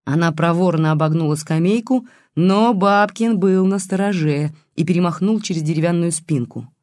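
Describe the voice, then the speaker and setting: An audiobook narrator reading a novel in a lively scripted narration. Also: mid-range voice, moderate pace, dry recording, clean studio sound.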